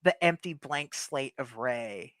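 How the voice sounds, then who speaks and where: A man's voice: mid-range voice, takes it slowly, fairly bright tone, dry recording. A young man co-hosting a podcast, chatting animatedly, laughing often and swearing casually. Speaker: podcast co-host. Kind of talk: casual chat.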